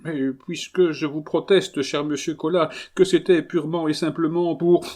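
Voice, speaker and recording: A man's voice: fairly high pitch, level tone, normal speed, darkish tone, pitched above the performer's own voice, close to an everyday voice. A man doing a stammering, contrite young man. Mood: pleading. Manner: hesitant, pleading, with stammered fillers. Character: contrite young man pleading his innocence.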